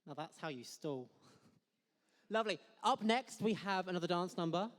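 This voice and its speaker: A man's voice: high-pitched, expressive, moderate pace. Playful man introducing acts. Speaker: show host. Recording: distant in an echoey hall.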